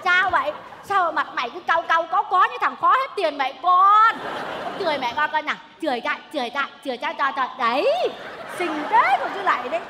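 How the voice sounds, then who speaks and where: A woman's voice: lively intonation, fairly quick, a crowd in the background, background noise. An actress playing a domineering, wealthy old mother-in-law who scolds and wails theatrically on a stage. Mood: doting. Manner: shrill, theatrical scolding and wailing. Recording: stage recording with long hall reverb.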